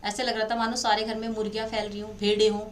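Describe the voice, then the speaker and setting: A woman's voice: mid-range voice, level tone, quick pace. A woman teacher running an exam-prep lesson, reading quiz questions and their options aloud, then confirming the answer and addressing her students affectionately as "beta". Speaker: Hindi teacher. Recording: echoey room, faint background noise.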